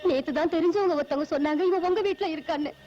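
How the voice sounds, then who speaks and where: Very high-voiced anxious mother. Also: racing, dark tone. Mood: worried. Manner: pleading, emotional. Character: poor loving mother, tender and anxious. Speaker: poor mother in a film. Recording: dull lo-fi film soundtrack with music.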